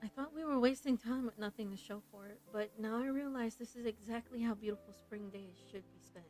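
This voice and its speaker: A young woman reading a story game aloud, breaking into chatty, excited asides. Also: fairly high pitch, a little fast, faint music behind, rough recording. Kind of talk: casual playthrough narration.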